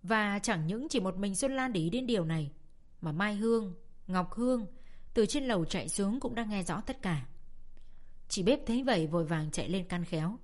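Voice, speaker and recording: A woman reading a family drama aloud as an audiobook narrator. Her storytelling is steady and expressive, at a middle pitch for a woman. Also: normal speed.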